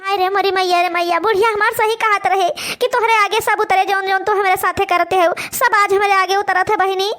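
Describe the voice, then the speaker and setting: A woman's voice: extremely high pitch, steady tone, brisk, hardly any pauses, a bit bright. A woman voicing a frail, hungry old grandmother in a cartoon, with an Awadhi accent and a whiny, pleading way of talking. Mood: lamenting. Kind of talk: cartoon voice acting.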